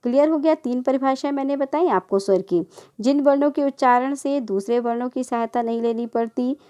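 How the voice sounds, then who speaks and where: A woman teacher with a slightly high voice explains a grammar lesson to a class. She goes over each definition more than once and keeps asking whether it is clear. When she lists the vowel sounds, she stretches each one out slowly. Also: dark tone. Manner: patient, repeats definitions, checks understanding. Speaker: school Hindi teacher.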